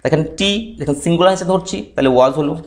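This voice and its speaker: Man, Bengali accent, grammar teacher, online lesson, asks and answers his own questions, slow example sentences. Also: fairly high pitch, vocal fry.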